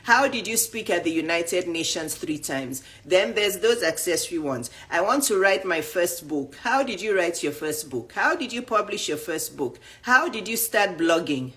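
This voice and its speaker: Speaking straight to the camera, a dating and life coach talks bluntly and emphatically, firing off lists of questions. Her lowish voice is expressive and a bit bright, at normal speed with few pauses.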